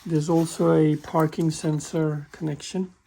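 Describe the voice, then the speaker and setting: A man walking through a car repair in a halting, casual way, often stumbling and restarting his sentences. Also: fairly high pitch, level tone, gravelly, dark tone. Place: workshop with a work table.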